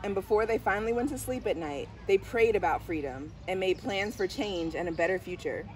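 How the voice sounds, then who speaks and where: Outdoors beneath trees, a middle-aged woman who directs diversity at a school reads a picture book from a garden bench. She uses a storytelling style, her medium-pitched, darkish voice moving fairly quickly. The distant camera mic also picks up sounds of the outdoors.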